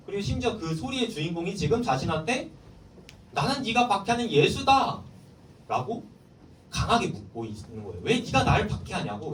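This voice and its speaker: A male youth pastor tells a story to teens and keeps asking them questions. His pitch swings in a lively way. He sounds distant and roomy in a church hall, with faint ambience behind him. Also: a little hiss or hum. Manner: lively, keeps quizzing the listeners. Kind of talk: sermon to middle schoolers. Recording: echoey hall, mic far off, faint ambience.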